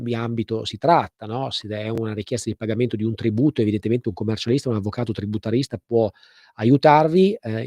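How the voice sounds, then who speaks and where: A man hosting a live call-in radio show, explaining things informally with hesitant, pause-filled phrasing. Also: mid-range voice, mellow, no room sound, clean studio sound. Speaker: radio host and legal advice presenter.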